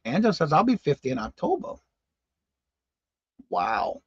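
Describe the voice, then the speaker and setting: Man in his fifties, chatty live-stream host, husky voice, slightly raised pitch, dull lo-fi sound. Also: huge pitch swings, moderate pace, no room sound. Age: 50s. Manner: chatty, exclaims in disbelief, talks to viewers by name. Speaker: morning show host. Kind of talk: casual live-stream chat reading comments.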